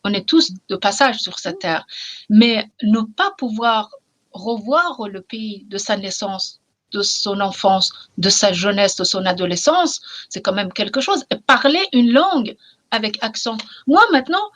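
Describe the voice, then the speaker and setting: With a mid-range, animated, slightly bright voice, a middle-aged Iranian woman discusses her work as a novelist in an interview. She speaks French with a Persian accent. Her manner is passionate and emphatic, full of pauses and repetitions for emphasis.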